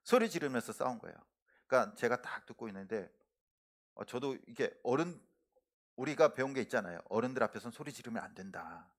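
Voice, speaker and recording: In a church sanctuary, a middle-aged male pastor preaches earnestly in a medium-pitched, expressive voice, a little fast. He presses his points hard and lets the ends of his sentences fall softly.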